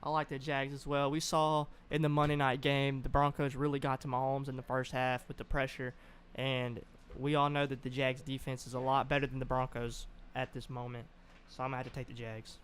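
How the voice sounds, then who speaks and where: Man, casual sports chat, measured reasoning, mid-pitch voice, faint noise in background. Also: little pitch movement, fairly bright tone.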